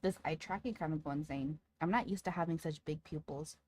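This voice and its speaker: A woman livestreamer chatting casually with her audience in a cute, playful, excitable anime-streamer manner. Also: sits low, a little fast. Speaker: livestreamer talking to chat.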